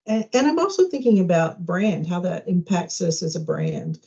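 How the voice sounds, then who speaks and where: A speaker with a gravelly, mellow voice thinks aloud in a work meeting, agreeable and reflective. The sound comes over a video call and is dull and lo-fi. They often answer with short sounds of agreement. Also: mid-range voice, big pitch swings, normal speed. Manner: agreeable, reflective, many backchannels. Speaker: colleague in a work discussion. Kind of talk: casual work meeting discussion.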